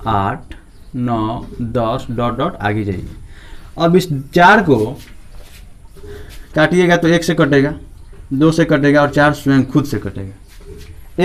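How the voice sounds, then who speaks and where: A man teaching a maths class, often asking his students questions and answering them himself, and repeating key points. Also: on the high side.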